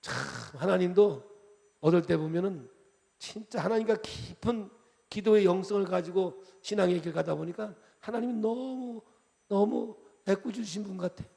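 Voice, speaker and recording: A man preaching a revival sermon in a high, gravelly voice. His delivery is animated and jokey, dropping soft then rising loud. A long reverb trails each phrase, as in a church hall. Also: normal speed. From Chungcheong, Korea. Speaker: pastor.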